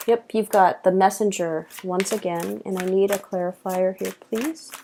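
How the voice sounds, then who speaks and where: A woman giving a tarot reading late at night, tired and halting, with many fillers and restarts. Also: medium pitch, steady tone, gravelly, background noise. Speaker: tarot reader.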